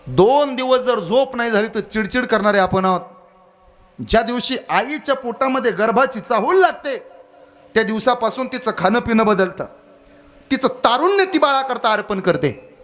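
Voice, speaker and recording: A man's voice: very high voice, very animated, normal speed, pauses often, fairly bright tone. A man preaching a devotional kirtan sermon, earnest and exhorting, telling folksy stories to the crowd.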